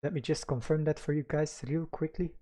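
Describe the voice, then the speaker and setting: An esports caster with a mid-pitched voice delivers live match commentary. The delivery is excited play-by-play, mixed with informal, chatty remarks aimed straight at the viewers. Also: a little fast. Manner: informal, conversational asides to viewers.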